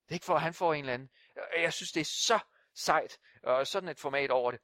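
A man's voice: fairly high pitch, fairly bright tone, no room sound, clean studio sound. A man preaching a sermon in an impassioned, emphatic way, often repeating himself.

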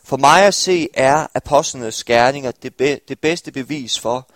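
A man's voice: medium pitch, a bit bright, dry recording. A young man from the area of Denmark, preaching a sermon to a congregation and often turning to his listeners with questions. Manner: earnest, addresses listeners with questions. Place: church hall with congregation.

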